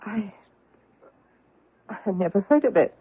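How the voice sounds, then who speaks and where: With a mid-range, breathy-edged voice and lively intonation, an actress speaks slowly in full character as a guarded middle-aged American housewife hiding her past. The 1970s radio drama finds her defensive and evasive, heard through a tinny old radio broadcast.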